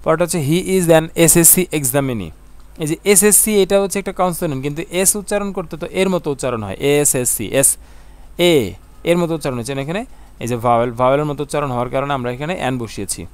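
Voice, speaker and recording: A man explaining English grammar, reading example sentences slowly and answering his own questions. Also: a little high, clean tone. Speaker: English teacher.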